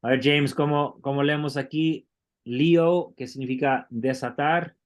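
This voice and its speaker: A man's voice: a little high, fairly even intonation, a little slow. A man who teaches Greek in an online class and explains things patiently, step by step, often restarting his words.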